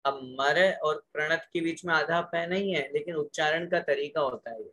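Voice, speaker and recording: A man's voice: fairly high pitch, moderate pace, pushed and bright, a little hiss or hum. A man teaching a scripture lesson, reciting a sutra word by word and asking the class to repeat each phrase aloud.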